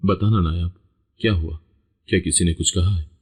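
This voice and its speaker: Firm patient mother of a young girl, as a man reads her, deep voice, husky tone, storybook reading. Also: normal speed. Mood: worried tender. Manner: plainly read, barely shifted from narration. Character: patient widowed mother, middle-aged woman, long-suffering but firm.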